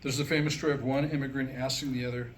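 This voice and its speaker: Delivering jokes at a racing clip, this presenter has a medium-pitched, flat voice and a conversational, wry stand-up style. He performs for a small group at a live staged reading, captured in poor audio with faint background noise.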